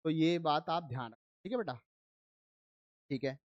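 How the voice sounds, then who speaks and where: With lively intonation and a slightly high voice, a man teaches physics online at a moderate pace, mixing Hindi and English terms. This science teacher explains things one step at a time and keeps asking whether his students follow, recorded with no echo and the highs cut off.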